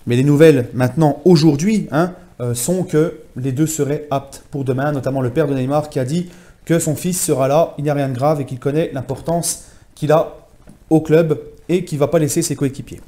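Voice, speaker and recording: A man's voice: a little high, normal speed, dark tone. A man recapping a week of football club news in a casual vlog, talking to his viewers as friends and using many fillers. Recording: home vlog.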